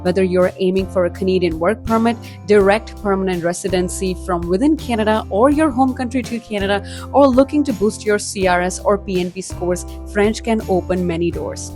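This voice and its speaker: A woman's voice: medium pitch, a little fast, a little mellow, soft background music. A woman giving an earnest, scripted introduction as an immigration consultant promoting free lessons.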